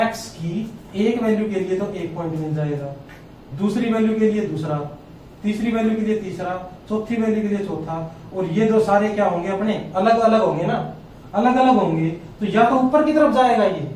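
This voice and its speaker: A man's voice: high voice, darkish tone, a little hiss or hum. A male math teacher giving a classroom lecture, explaining step by step and checking often whether students follow. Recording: echoey room, voice from far off.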